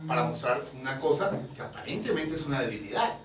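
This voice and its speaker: A man preaching a sermon as pastor, telling a story with rising energy until he shouts. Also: medium pitch, fast, a crowd in the background. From Colombia. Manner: animated storytelling, builds to shouting. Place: large church hall. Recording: echoey church hall, heard from far. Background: congregation answering amen.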